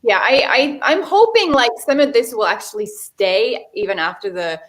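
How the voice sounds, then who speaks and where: A woman's voice: fairly high pitch, moderate pace. A middle-aged woman from Finland, a model and actress, chatting casually as an interview guest and telling stories with frequent laughs. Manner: chatty, laughs often, animated storytelling.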